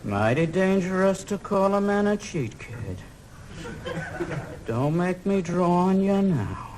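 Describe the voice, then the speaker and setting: An actor playing a smooth, quietly menacing card dealer in a western sitcom, with drawling cowboy patter. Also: male voice, medium pitch, big pitch swings, slow pace, noisy background. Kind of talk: TV sitcom acting.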